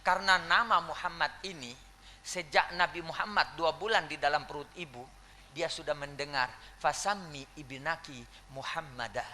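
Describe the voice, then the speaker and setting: A man preaching a sermon, telling the story with lively acted voices and laughter. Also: on the high side, normal speed. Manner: animated storytelling, acting out quoted voices with laughter.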